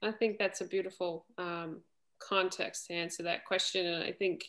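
A woman's voice: lowish voice, fairly even intonation, normal speed, a bit bright. A woman in her thirties speaking earnestly at length on a video call from home, a panelist in a discussion. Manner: earnest, flowing speech with frequent "you know". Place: home room. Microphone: video call webcam.

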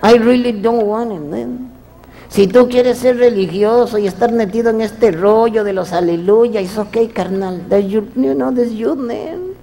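A man's voice: sits high, a little slow, mellow, a little hiss or hum. A ventriloquist in a church giving voice to a cheeky, streetwise young male puppet who peppers his talk with English slang. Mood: teasing. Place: church stage.

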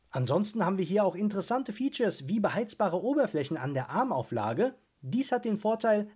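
Male tech host, scripted voice-over, husky and animated, upbeat presenter. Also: a little high.

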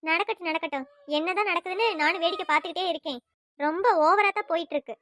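A woman doing a shrill scolding mother-in-law. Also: rapid-fire, fairly bright tone, slight background noise. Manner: nagging, taunting, shrill. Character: scolding middle-aged mother-in-law, sharp-tongued. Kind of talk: cartoon voice acting.

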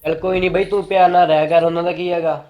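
A young man playing a mild younger brother in a family short film, soft-spoken and trying to calm things down. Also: high voice, quick pace, highs cut off, soft background music, close to an everyday voice. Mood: placating.

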